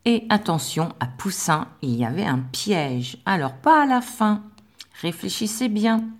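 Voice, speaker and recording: A woman teacher giving a slow, patient dictation lesson to young pupils, spelling out sounds with careful articulation. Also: mid-range voice, sing-song. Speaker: primary school teacher.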